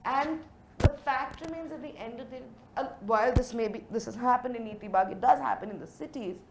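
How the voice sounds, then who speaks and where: Woman panelist, posh Indian accent, higher voice, distant in a very echoey room. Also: brisk, background noise. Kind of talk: impassioned panel discussion.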